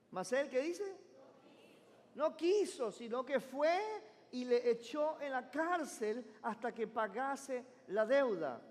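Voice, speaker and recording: A man preaching a sermon, calling on the congregation to repeat words after him, swinging between loud emphatic declarations and low asides. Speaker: pastor. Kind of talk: sermon with call-and-response reading. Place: church sanctuary. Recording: church hall with long reverb.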